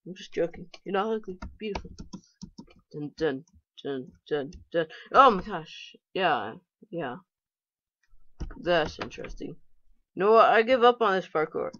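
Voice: mid-range voice, lively intonation, measured pace, pauses often, fairly bright tone, muffled recording. A gamer giving casual let's-play commentary, chatty and talking to themselves with playful frustration. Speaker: gameplay commentator.

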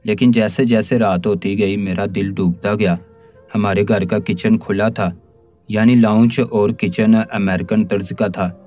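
Low, mellow male storyteller. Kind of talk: scripted story narration.

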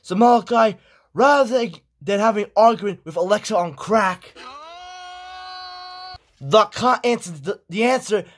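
A man's voice: high voice, expressive, unhurried, long pauses, fairly bright tone, pitched above the performer's own voice, heavily acted. Shadow, a man doing a brash hedgehog boss. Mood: commanding. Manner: brash, commanding. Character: male hedgehog general manager, brash and bossy.

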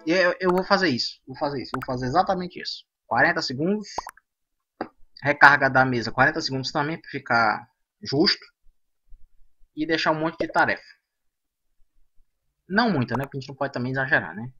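A man hosting a gaming channel, chatting excitedly to himself and his viewers over gameplay. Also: medium pitch, fairly quick, pauses often, highs cut off, a little hiss or hum. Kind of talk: casual gameplay commentary.

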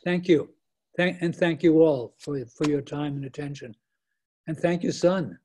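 A man in his eighties from the Netherlands, speaking at a remote lecture in a halting way with many restarts and fillers. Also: a little high, a little mellow, breathy edge. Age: 80s. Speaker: Holocaust survivor speaker.

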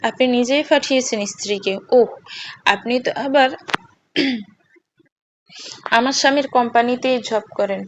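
A woman's voice: on the high side, natural voice. A woman voicing a scheming female caller who taunts and accuses in a mocking, insinuating way. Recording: slightly dull with faint hiss.

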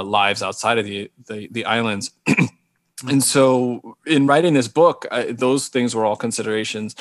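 Speaking from a small indoor room via earbuds on a video call, a man in his thirties from Hawaii, a guest author, gives thoughtful, careful interview answers with many restarts. His voice is on the low side and a bit bright, with no room sound.

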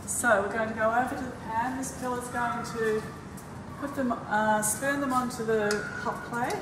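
With a fairly high voice and fairly even intonation, an older Australian woman teaches cooking at normal speed, cheerfully describing every step. The setting is a large indoor school kitchen, captured from a distance by a camera, so the sound is echoey and noisy.

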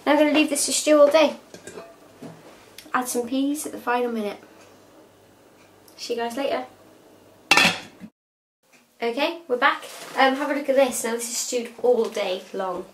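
Woman, thirties, chatty home cook, fairly high voice, echoey kitchen, far from the mic, pots clattering. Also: normal speed, long pauses, background noise. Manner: chatty, talks while working. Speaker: cooking vlogger. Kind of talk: casual cooking demonstration. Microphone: camera mic from across the room. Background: clatter of pots and cutlery.

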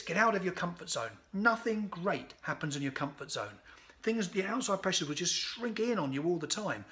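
Recording on a phone or webcam in a sunny conservatory, a man in his fifties who works as a sales speaker gives a punchy, high-energy motivational talk to camera. His pitch is fairly high.

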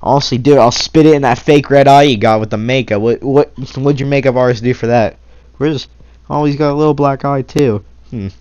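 A man's voice: mid-range voice, brisk, a little mellow, clean tone, dry recording. Indignant young man ranting, lo-fi mic. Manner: indignant, exasperated, sighing often, swearing. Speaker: commentary creator. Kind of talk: angry commentary rant. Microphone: console capture mic.

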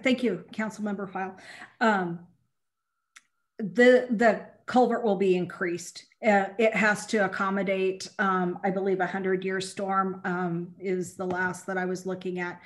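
A woman on city staff answering council questions over a video call, halting and apologetic, with many "um"s. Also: medium pitch, little pitch movement.

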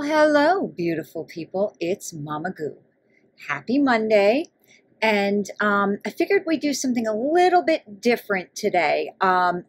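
A woman's voice: medium pitch, no echo, clean studio sound. A woman hosting a reaction commentary video, talking casually and making sarcastic, mocking asides. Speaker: YouTube commentator.

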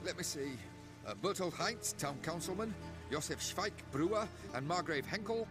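High, lively, timid servant, acted by a man. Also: moderate pace, music in the background, lightly acted. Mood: meek, anxious. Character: timid, deferential middle-aged eunuch bathhouse servant.

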